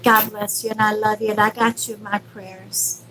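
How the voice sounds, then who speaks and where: A woman hosts a live stream as a psychic medium, talking casually and affectionately to viewers with reassurance and endearments. Her voice is medium-pitched, level and moderately paced. The recording is rough, with a crowd audible behind her.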